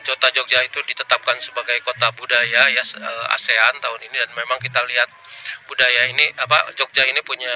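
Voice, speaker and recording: Male interviewee, hesitant delivery, level intonation, very bright tone, slight background noise. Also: medium pitch, poor audio. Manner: hesitant, searching for words. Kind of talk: unscripted interview remarks.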